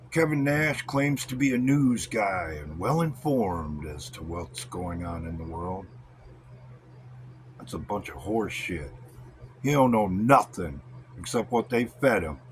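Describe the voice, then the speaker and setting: A man's voice: mid-range voice, a bit bright, slight background noise. An American man delivering a blunt, scornful, coarse-mouthed rant in the style of a wrestling promo, drawing out words for emphasis.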